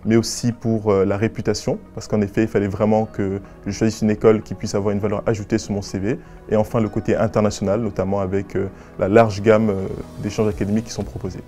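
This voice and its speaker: A nineteen-year-old man from West and Central Africa speaks in a formal, measured and articulate way, like a student answering prepared interview questions. His voice sits a little low and sounds warm and mellow. Soft music plays faintly behind him. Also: level tone. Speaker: business school student.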